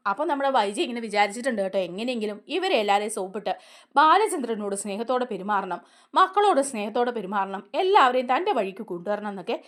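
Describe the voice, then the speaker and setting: A woman casually retelling a TV serial episode. She talks very fast in a fairly high voice, chatty and conversational, checking in with listeners as she goes. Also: animated. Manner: chatty, fast, tag questions. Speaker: serial reviewer.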